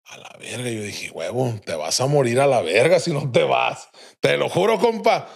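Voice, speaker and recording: A man's voice: medium pitch, big pitch swings, normal speed, gravelly, husky. A young adult man with a Mexican accent, a podcast guest telling a crude, vivid story full of slang and swearing. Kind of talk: casual storytelling.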